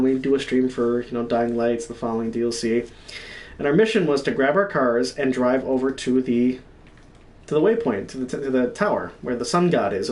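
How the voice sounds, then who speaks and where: A man hosting a gaming channel, telling stories in a rambling, halting way with lots of swearing. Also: mid-range voice, darkish tone, distant mic. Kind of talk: casual solo storytelling stream.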